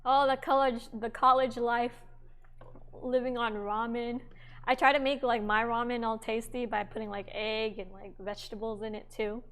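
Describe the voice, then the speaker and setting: Chatty young woman, slightly high voice. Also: flat delivery, normal speed, fairly bright tone. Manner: chatty and rambling, with frequent fillers. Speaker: livestreamer. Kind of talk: casual chat with viewers while cooking. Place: home kitchen.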